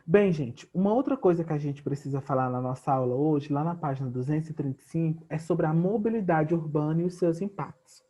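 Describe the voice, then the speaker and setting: Recording a geography lesson at home for his students, a man with a Brazilian Portuguese accent and a sore throat coughs often but teaches patiently, explaining things and speaking to the students directly. His fairly high, dark-toned voice moves fairly quickly with hardly any pauses.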